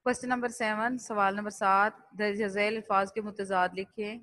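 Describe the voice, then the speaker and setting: A woman teacher works through a lesson, saying each word twice and spelling out its vowel marks at a slow, drilled pace. Her pitch stays level and even throughout. The recording is dry and close, with no room sound. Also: no echo, rough recording. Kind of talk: classroom lesson, reading word lists aloud.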